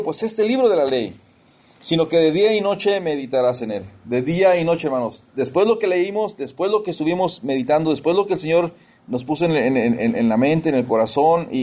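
A man's voice: a little high, animated, fairly quick, darkish tone. A man preaching an informal sermon, talking conversationally, asking his listeners questions, stumbling and restarting, and tossing in English exclamations. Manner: conversational, addresses listeners as brothers, asks questions.

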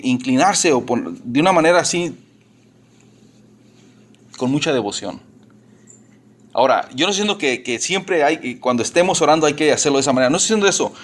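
A man's voice: fairly high pitch, a bit bright. A man preaching a sermon to his congregation in a folksy, repetitive way, with restarts and an uneven pace. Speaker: pastor.

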